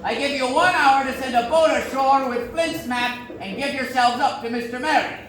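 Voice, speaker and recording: A man playing Long John Silver, high-voiced pirate rogue. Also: steady tone, moderate pace, a bit bright. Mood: sly. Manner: gruff pirate dialect, bellowing orders. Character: scheming one-legged male pirate cook. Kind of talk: live stage play. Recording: echoey hall from far off, background noise.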